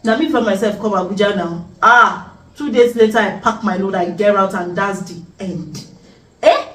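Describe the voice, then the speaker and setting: A woman's voice: mid-range voice, normal speed, recorded from a distance. A young Nigerian woman with a Nigerian accent, telling a dramatic, teasing story in casual chat. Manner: animated, dramatic, teasing, pidgin-laced. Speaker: vlogger. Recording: echoey room, off-mic, faint hum.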